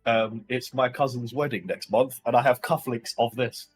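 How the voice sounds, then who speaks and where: A man's voice: mid-range voice, fairly even intonation, moderate pace, soft background music. A man chatting casually as a player in an online tabletop game, joking and laughing often. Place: home computer desk.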